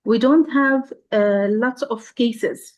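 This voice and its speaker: A woman from Syria, a nursing professor, speaking on a video call and pausing often with fillers and restarts. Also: a little high, a little mellow. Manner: halting, many fillers and restarts. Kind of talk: casual panel chat.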